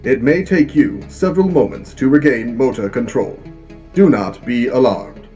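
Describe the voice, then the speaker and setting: Man doing a gentle echoey care robot. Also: medium pitch, normal speed, soft background music. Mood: soothing. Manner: calm, soothing announcements. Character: calm robotic cryo-pod system voice, reassuring. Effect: echoey voice-changer filter. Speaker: game master.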